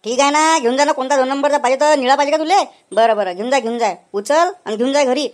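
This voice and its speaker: A woman voicing a pushy male cooler seller in a village cartoon, talking in a Vidarbha Marathi accent with loud, brash sales patter. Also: high voice, fast, lightly acted. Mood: threatening. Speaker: voice actor. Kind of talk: cartoon comedy voice acting.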